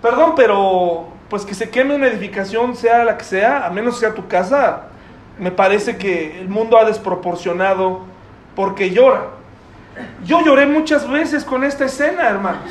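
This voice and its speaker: A man's voice: high-pitched, moderate pace. A middle-aged man preaching a sermon in a conversational way, asking his congregation frequent rhetorical questions. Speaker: pastor. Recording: echoey room with faint noise.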